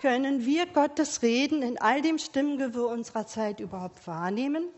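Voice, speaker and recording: A woman preaching a gentle sermon to a congregation with children, asking many quiet questions. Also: sits high, moderate pace, lo-fi sound. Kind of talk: slow sermon for church and children. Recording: long reverb of a church hall.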